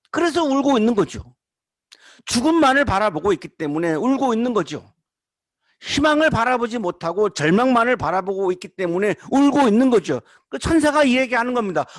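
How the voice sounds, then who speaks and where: Male pastor, high lively voice, emphatic preaching with rhetorical questions, dry recording. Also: no room sound. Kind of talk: sermon.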